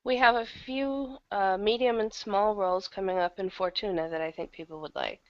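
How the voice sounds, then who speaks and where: A woman at medium pitch and normal speed chats casually about her job producing and casting audio dramas, as a candid, self-deprecating interview guest. The recording is dry, captured by a computer microphone on an online call that sounds dull and lo-fi with shifting volume.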